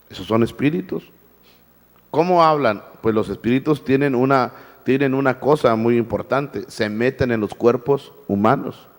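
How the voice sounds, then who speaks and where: A man's voice: mid-range voice, in a large hall. A male pastor preaching a sermon, firing rhetorical questions at the congregation and repeating his words. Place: church.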